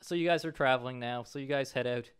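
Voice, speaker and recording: Young male game master, relaxed and halting in his narration. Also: medium pitch, clean tone. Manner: loose, halting, full of likes and restarts. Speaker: dungeon master.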